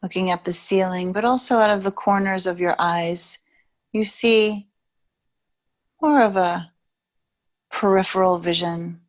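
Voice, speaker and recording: A woman yoga teacher offers a calming, unhurried yoga nidra meditation with extended pauses between phrases. She speaks at a medium pitch with fairly even intonation.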